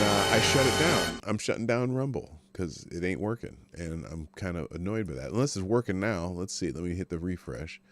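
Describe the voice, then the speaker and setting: Male livestream host, low lively voice, sleepy and just out of bed, informal rambling morning chat, some music behind. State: tired, just woke up. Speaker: live show host.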